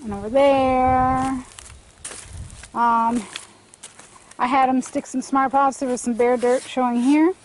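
Her voice sits high but flat as she walks through her sunny garden, speaking slowly and pausing often, her throat congested. The middle-aged homestead vlogger films on a handheld camera at arm's length, chatting casually with fillers and restarts, and there's a faint hiss or hum.

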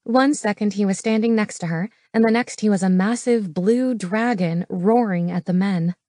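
A woman reading an audiobook as its narrator, steady and matter-of-fact. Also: medium pitch, moderate pace, dry recording. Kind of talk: scripted narration. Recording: dry studio voice.

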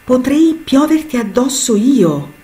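A woman's voice: high-pitched, big pitch swings, takes it slowly, mellow, voice pushed up, full character voice. A woman voicing a young, curious female cloud in a storybook tale, with an eager, wondering manner.

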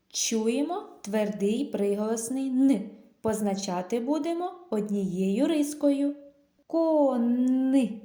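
A woman kindergarten teacher giving a slow, clear literacy lesson to young children, stretching out sounds and syllables. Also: on the high side, mellow. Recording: echoey room.

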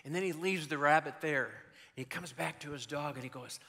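An older man preaching a sermon in a church, telling stories in an animated way with joking asides. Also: fairly high pitch, normal speed, vocal fry, heavy background noise. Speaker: pastor. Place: church sanctuary. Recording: long reverb of a large hall.

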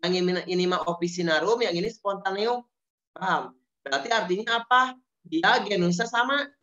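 A man's voice: high-pitched, moderate pace, bright, forceful tone. A man teaching an online science lesson, patiently repeating key terms and quizzing his students. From Indonesia. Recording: dull lo-fi online audio.

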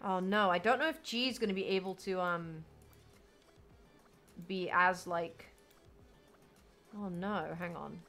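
A woman's voice: fairly low pitch, takes it slowly, long pauses, fairly bright tone, faint music behind. A woman streaming a block-building game, chatting casually and thinking aloud, now and then bursting into delighted squeals. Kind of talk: casual live-stream chat while building.

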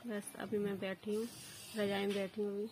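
A woman's voice: medium pitch, monotone, normal speed, a little mellow, slight background noise. A woman talking casually to her viewers at home in a family vlog. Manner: chatty, talks to viewers and her child. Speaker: vlogger.

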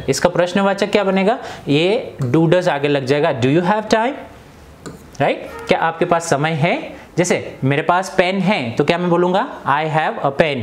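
A young man teaching an English grammar lesson in Hindi. He often asks the class questions and repeats each example sentence slowly. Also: on the high side.

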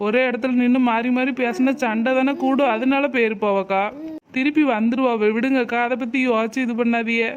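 A woman's voice: on the high side, steady tone, fairly quick, lo-fi sound, slight background noise, close to an everyday voice. A woman voicing a soothing young friend in a cartoon, speaking reassuringly. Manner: reassuring, pleading.

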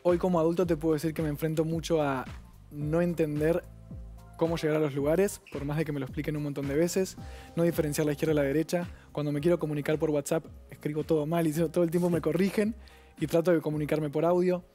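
Young argentine guy talking fast about his life, kinda dark mellow voice, soft music under it. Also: fairly high pitch, little pitch movement. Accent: Rioplatense Spanish. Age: 20s. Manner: earnest, rapid, reflective. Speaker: guest. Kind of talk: personal account on a TV talk show.

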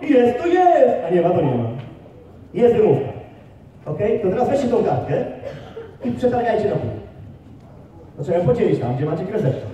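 A man giving a live motivational seminar, rallying his audience with quick questions and instructions. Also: high voice, sing-song, dark tone, dull audio, slight background noise. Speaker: motivational speaker. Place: large hall with an audience. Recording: echoey hall recorded from far off.

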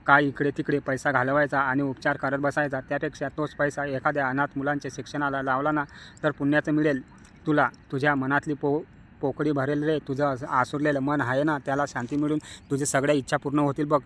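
A man's voice: fairly high pitch, level tone, a little fast, a bit bright, natural voice. An earnest encouraging friend, read by a man. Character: warm, earnest male childhood friend.

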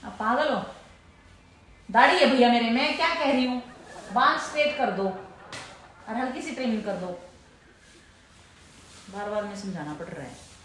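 A middle-aged woman at a hair salon, loudly scolding the barber and calling him names. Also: a little high, lively intonation, measured pace, long pauses, slight background noise. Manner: loud, scolding, calls people names. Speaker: salon customer in a prank video. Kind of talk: scolding, angry complaining. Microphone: far camera. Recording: echoey room from far off.

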